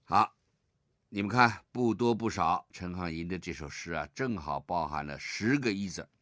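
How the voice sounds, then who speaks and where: A man teaching a poetry reading lesson. He tells the story behind the poem, recites lines slowly and expressively, and leads listeners in reading along. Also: low voice, dry recording, studio quality. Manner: expressive, drawn-out recitation of verse; guides listeners to read along.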